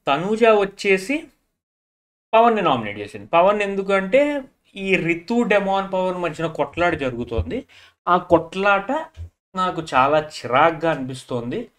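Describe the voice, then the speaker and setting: A man giving an animated, opinionated casual review of a reality show. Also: high-pitched, unhurried. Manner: animated, opinionated, mixes English into his talk.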